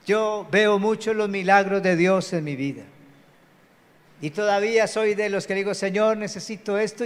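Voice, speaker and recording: High-voiced pastor preaching. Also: male voice. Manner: emphatic, calls for amen, repeats phrases. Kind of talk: sermon. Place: church hall. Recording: long hall reverb.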